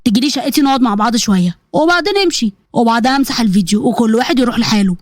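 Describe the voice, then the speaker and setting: A woman's voice: on the high side, lively intonation, very fast, no room sound, studio quality, pitched below the performer's own voice, natural voice. A woman voicing a menacing young male blackmailer, taunting and threatening, with an Egyptian accent.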